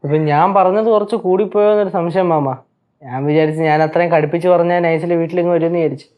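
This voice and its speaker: A man's voice: fairly high pitch, fairly even intonation, quick pace, darkish tone, close to an everyday voice. A young actor playing an anxious son who frets about his father. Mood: worried. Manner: anxious, worried. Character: worried young son, fretful. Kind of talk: sitcom acting.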